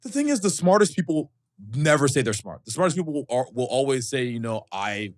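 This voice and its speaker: A man's voice: medium pitch, big pitch swings, brisk. A man co-hosting a podcast, giving blunt, opinionated takes in a casual chat. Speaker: podcast co-host.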